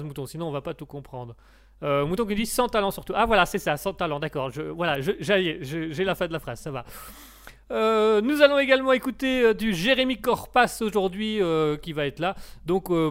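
A man hosting a live radio call-in show, reading out listener messages with playful, self-mocking puns. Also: fairly high pitch.

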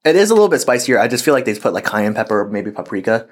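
A young man hosting a casual podcast, chatting in a relaxed, slangy way while eating. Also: medium pitch, fast talker. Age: young adult. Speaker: podcast host.

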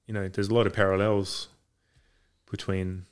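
A man's voice: low voice, level tone, normal speed, smooth. A man in a casual chat as a guest, talking in a hesitant, rambling way. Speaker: podcast guest, boxing coach. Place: home garage.

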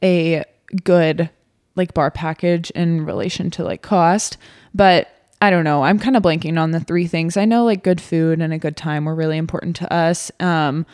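A woman's voice: deep voice, steady tone, normal speed, a little mellow, clear, resonant tone, dry recording, studio quality. A young woman co-hosting a podcast, telling a story in a chatty, rambling way. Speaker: podcast co-host. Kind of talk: casual chat.

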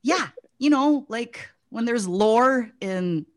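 A woman's voice: on the high side, animated, slow pace. A young woman from the Philippines, co-hosting a casual podcast chat, laughing often and trailing off mid-thought. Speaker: podcast co-host.

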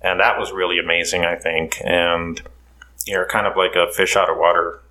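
A man in his thirties from Curaçao, a podcast guest telling his story in a relaxed way with many fillers. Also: low voice, normal speed, low-quality recording. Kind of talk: casual interview.

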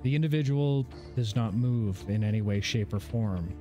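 A man narrating a tabletop fantasy game as game master, measured and descriptive with dramatic pauses. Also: lowish voice. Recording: background music under the voice.

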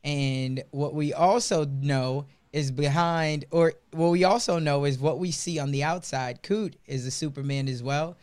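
Man hosting a podcast, slightly high voice. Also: steady tone, unhurried, hardly any pauses, a little mellow, smooth. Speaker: podcast host. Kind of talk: scripted-sounding interview introduction.

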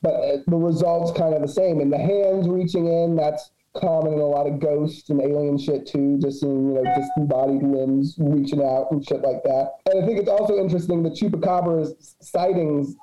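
Man with a very dark, echoey voice. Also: a little high, steady tone, moderate pace, hardly any pauses, soft background music. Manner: laid-back, profane, laughs often. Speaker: guest researcher. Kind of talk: casual podcast chat. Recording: echoey, dull lo-fi sound.

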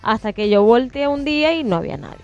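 Woman, fairly high voice, animated storyteller, muffled lo-fi sound, faint music behind. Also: fast talker. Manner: animated storyteller, swears it's true, acts out scenes. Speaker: podcast co-host. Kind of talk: casual chat, storytelling.

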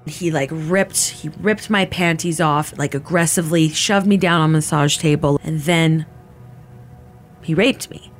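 A woman's voice: low voice, fairly even intonation, measured pace, soft background music. Woman in her thirties recounting, casual speech. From Canada. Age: 30s. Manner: casual, full of "like" fillers, quotes herself. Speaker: interviewee. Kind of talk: personal testimony.

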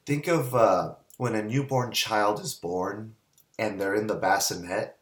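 Low voiced guy telling a messy funny story, lots of restarts. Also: measured pace. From Southern California. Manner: animated, rambling anecdotes with many restarts. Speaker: guest business owner. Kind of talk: casual storytelling.

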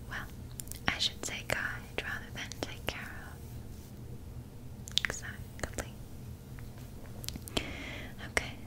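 A woman plays a gentle fairy guide in a whispered ASMR role-play. The voice is a breathy, airy whisper, very unhurried. It coaxes and soothes tenderly, as if tending to someone up close. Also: lightly acted, rough recording. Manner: soothing, softly coaxing, personal attention. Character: gentle doting fairy guide applying fairy dust.

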